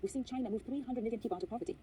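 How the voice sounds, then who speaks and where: A woman from Zambia answers interview questions at a rapid clip, articulate but peppered with ums and uhs. Her voice sits low and dark. The mic is some way off, with a faint hiss behind her. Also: distant mic, poor audio. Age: young adult. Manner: articulate, measured, frequent um and uh. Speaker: author and economist guest.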